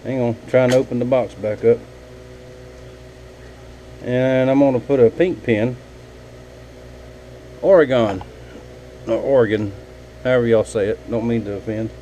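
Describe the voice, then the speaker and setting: A man's voice: medium pitch, steady tone, moderate pace, pauses often, dark tone, a little hiss or hum, rough recording. A man, a knifemaker chatting casually and folksily to his viewers from his home workshop. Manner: rambling, folksy, talks to viewers as y'all. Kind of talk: casual vlog chat.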